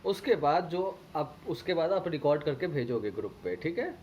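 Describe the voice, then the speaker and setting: A man teaching a primary school English lesson with an Indian accent, reading a children's story slowly, repeating words and spelling them out letter by letter. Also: on the high side, very animated, a little mellow, highs cut off, a little hiss or hum.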